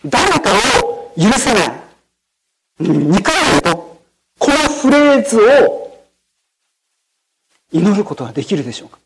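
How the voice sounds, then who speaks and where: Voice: mid-range voice, huge pitch swings, normal speed, fairly bright tone, slightly rough, low-quality recording. A pastor delivering a sermon in a formal, explanatory way, often ending sentences with solemn set phrases and asking the listeners questions. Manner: formal preaching with frequent "de arimasu" sentence endings. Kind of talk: sermon with storytelling.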